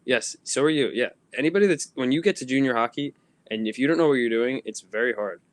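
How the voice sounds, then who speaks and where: Speaking fast in a mid-range voice, a young adult man co-hosts a casual podcast recorded on his phone. He wanders through lengthy stories, laughing and saying um a lot.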